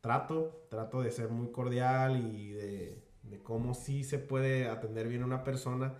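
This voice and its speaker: A man with a Mexican Spanish accent tells an anecdote on a podcast in a loose, slangy way. His voice is a touch nasal and sits at an ordinary middle pitch. The room around him sounds echoey. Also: measured pace. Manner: slangy, animated anecdote teller, peppers speech with "güey". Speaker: podcast host. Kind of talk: casual storytelling chat.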